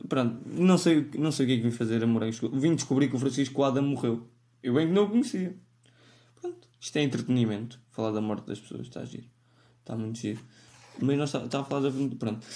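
Man, European Portuguese accent, solo podcast host, digressive and self-mocking, warm dark tone. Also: medium pitch. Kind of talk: rambling casual monologue.

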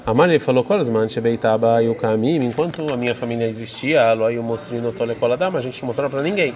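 A man's voice: mid-range voice, fast, a little mellow. A man teaching Talmud, reading Hebrew phrases aloud and then explaining each one, with some hesitation. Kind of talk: reading and translating a text aloud.

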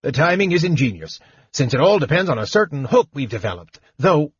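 A man voicing a fussy, excitable male gnome official who chatters fast, explaining everything eagerly. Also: a little high, breathy edge, no echo, highs cut off, voice pushed up, exaggerated voice.

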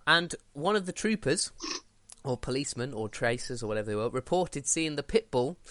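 Lively giggling male podcast host. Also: medium pitch, a little fast, dry recording. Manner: reads news stories aloud, giggling often. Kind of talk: casual podcast banter.

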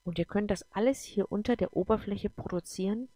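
A woman's voice: mid-range voice, a little fast, no room sound, lightly acted. A woman reading a curious, cautious mother. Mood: curious, gentle. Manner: questioning, gentle.

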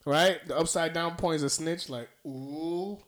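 A man's voice: fairly high pitch, measured pace, a crowd in the background. A man in his late thirties hosting a podcast, talking loosely, swearing and acting out voices in his stories. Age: late 30s. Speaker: podcast host. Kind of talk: casual chat.

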